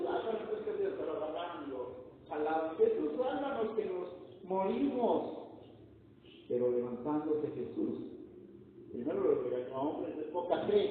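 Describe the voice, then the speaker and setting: Male pastor, high voice, slow emphatic sermon, recorded far off in a reverberant church hall on a thin phone-like line. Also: a little hiss or hum. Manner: emphatic preaching with rhetorical questions to the congregation.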